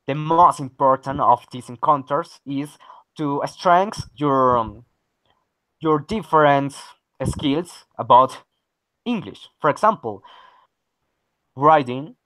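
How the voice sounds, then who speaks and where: A man's voice: medium pitch, bright, forceful tone, dry recording, poor audio. A man, teaching a basic English lesson and often saying okay and very good. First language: Spanish. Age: 30s. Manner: encouraging, repeats okay and very good.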